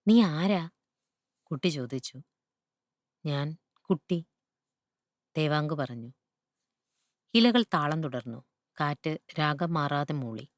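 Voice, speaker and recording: A woman narrating a literary short story in a measured, deliberate reading voice. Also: low-pitched, no room sound, studio quality.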